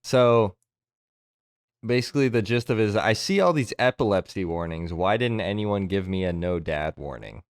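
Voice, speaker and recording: A man's voice: lowish voice, animated, normal speed, no room sound. A young man co-hosting a comedy podcast in casual chat, giggly and tripping over his words, on a close mic. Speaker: podcast co-host.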